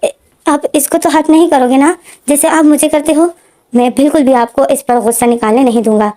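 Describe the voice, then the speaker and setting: A woman's voice: fairly high pitch, steady tone, quick pace, mellow, close to an everyday voice. A woman reading the lines of an emotional, protective young man in a narrated fan story. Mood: possessive.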